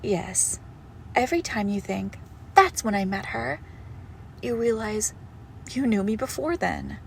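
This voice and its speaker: Animated yet unhurried, a woman with a fairly high, gravelly voice portrays a young female shadow monster acting as a doting, possessive girlfriend. The intimate horror roleplay feels eerie and affectionate, her menace often sinking to a whisper, with slight background noise.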